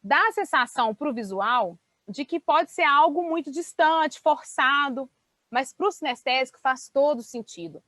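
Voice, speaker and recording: A woman mentor giving an online sales training talk, explaining in a lively way and checking in with her listeners often. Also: high-pitched, measured pace, no echo. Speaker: business mentor and speaker.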